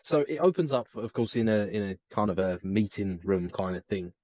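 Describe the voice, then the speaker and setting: Speaking briskly with lively intonation, a man with a lowish voice co-hosts a podcast in rambling, hesitant casual conversation, restarting often and leaning on fillers. He has Welsh heritage, with family on the south coast. The audio has no room sound and its highs are cut off.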